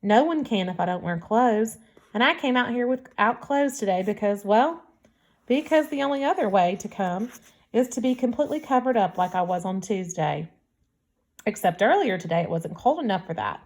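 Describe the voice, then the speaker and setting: Invisible teen boy, nervous and secretive, rushes his explanations; audiobook part read by a woman in her own voice. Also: medium pitch, expressive, darkish tone. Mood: anxious.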